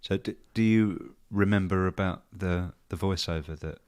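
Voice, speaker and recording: A man co-hosting a casual podcast, sharing film trivia in a relaxed, anecdotal way. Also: sits low, moderate pace, no room sound, clean studio sound. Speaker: podcast co-host. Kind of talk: casual chat.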